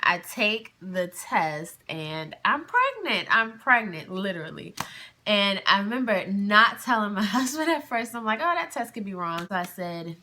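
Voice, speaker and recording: A woman's voice: mid-range voice, very animated, measured pace, sharp tone. A woman in her twenties telling a personal story to camera in a casual, chatty way, laughing often and acting out her own past words. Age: 20s. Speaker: vlogger.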